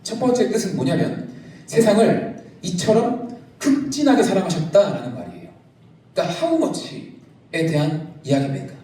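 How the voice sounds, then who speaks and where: A middle-aged male pastor preaching a youth service sermon in a large church sanctuary, lively and joking with the congregation. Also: high-pitched, normal speed. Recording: echoey church hall, from a distance.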